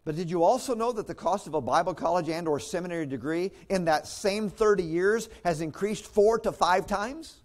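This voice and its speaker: A man's voice: high voice, moderate pace, few pauses, a little mellow. A man preaching a sermon as pastor, in a conversational way with chuckles and restarts.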